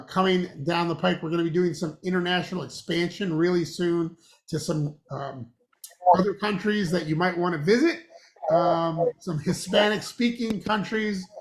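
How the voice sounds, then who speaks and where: A man hosting an online business presentation, upbeat and salesy, laughing easily as he walks through a plan. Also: high voice. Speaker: host presenting a compensation plan. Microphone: video call.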